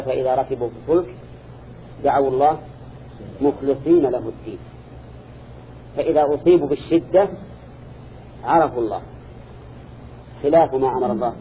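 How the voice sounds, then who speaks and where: A man teaching a classroom lecture, speaking in a measured way and quizzing his students with short questions as he goes. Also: medium pitch, slight background noise. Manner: measured, quizzes listeners with repeated "ha?" and "na'am". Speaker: teacher of Quran interpretation. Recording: dull lo-fi recording.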